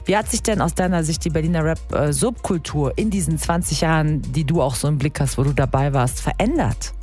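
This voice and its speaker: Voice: mid-range voice, brisk, a little mellow, faint music behind. A radio host doing a casual interview, chatty and joking while asking questions.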